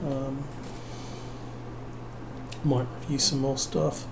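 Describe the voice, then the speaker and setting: Speaking extremely slowly in a creaky, flat, medium-pitched voice, a tired man who can't sleep records a late-night video at home while building a kit. The vlogger rambles with wry self-mockery, trailing off with fillers, and the recording is noisy.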